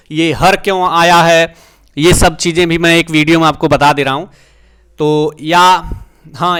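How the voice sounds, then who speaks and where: A man's voice: on the high side, a bit bright. A man, teaching English grammar as a teacher, explaining step by step and answering his own questions. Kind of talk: classroom lesson explaining grammar.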